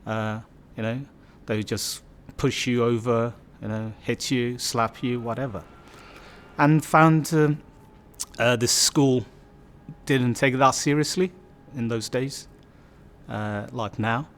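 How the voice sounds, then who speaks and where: Here the fifties-aged Bangladeshi storyteller takes his time, his mid-range voice holding a fairly even intonation. It is a personal life story interview, told thoughtfully and peppered with fillers and restarts.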